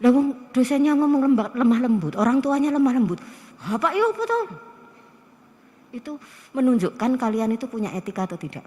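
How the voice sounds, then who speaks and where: Lively Javanese-accented woman lecturing in a hall. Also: fairly high pitch, fast talker. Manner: lively, asks the audience rhetorical questions. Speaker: university lecturer. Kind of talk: classroom lecture. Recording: long hall reverb.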